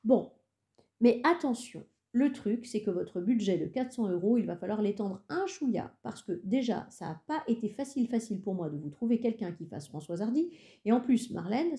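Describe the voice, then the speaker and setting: A woman reading the lines of a fussy middle-aged male talent agent with a smooth salesman's patter, in a storybook. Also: mid-range voice, animated, fairly quick, dark tone, lightly acted. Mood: defensive.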